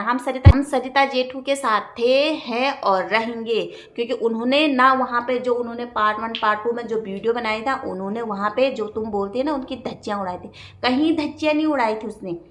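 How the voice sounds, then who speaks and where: A woman hosting a reaction vlog, speaking in heated, indignant commentary and scolding in rapid outbursts. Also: a little high, a bit bright. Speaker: reaction video host.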